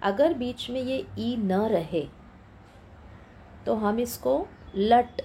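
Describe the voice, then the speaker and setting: Woman slowly spelling out phonics words. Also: fairly high pitch, warm tone, a little hiss or hum, poor audio. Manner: slow, spells letters one by one and repeats each word. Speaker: teacher.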